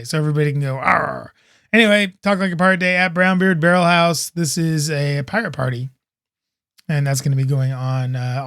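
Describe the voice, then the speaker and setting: A man hosting a laid-back podcast, with a voice pitched slightly higher than most men's. He talks in an upbeat, rambling way, often wandering off into little asides. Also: fairly bright tone, no room sound, clean studio sound. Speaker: podcast host. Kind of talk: casual chat.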